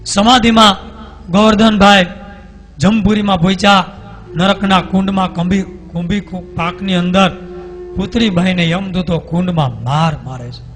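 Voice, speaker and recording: A man's voice: high voice, steady tone, moderate pace, long pauses, music in the background. A man with a Gujarati accent preaching a devotional story sermon, acting out the characters' dialogue as he tells it. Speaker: swami preacher.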